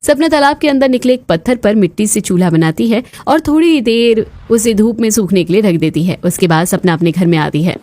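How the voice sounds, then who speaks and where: A woman narrating a cartoon story in a steady scripted telling. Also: medium pitch, brisk, hardly any pauses.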